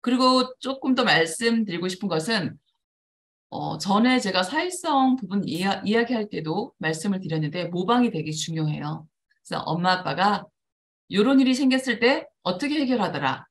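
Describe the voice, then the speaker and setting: A woman's voice: mid-range voice, lively intonation, moderate pace. Woman, forties, parenting lecturer, patient explainer who acts out quoted dialogue.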